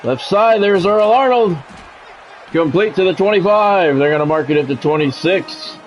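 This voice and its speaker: Here the middle-aged American gamer speaks in a high voice with lively intonation at a moderate pace. He streams a sports video game, chatting casually and then snapping into punchy announcer-style calls.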